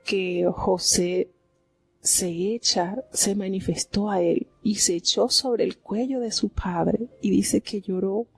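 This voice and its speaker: Husky, gravelly woman preaching. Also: medium pitch, fairly even intonation, slow pace, no room sound, soft background music. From Venezuela. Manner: reflective and heartfelt, often asking "¿verdad?". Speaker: Bible commentator. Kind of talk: devotional Bible commentary on a live program.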